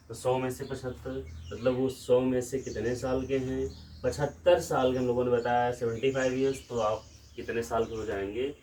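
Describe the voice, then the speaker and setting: A man's voice: mid-range voice, a little mellow, distant mic, a little hiss or hum, poor audio. A man with a Lucknow Hindi accent teaching a maths lesson from a room in a village, explaining step by step and asking questions back to the class.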